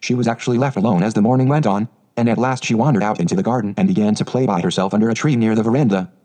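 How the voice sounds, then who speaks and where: A man narrating an audiobook in a brisk, steady storytelling manner. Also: on the low side, poor audio.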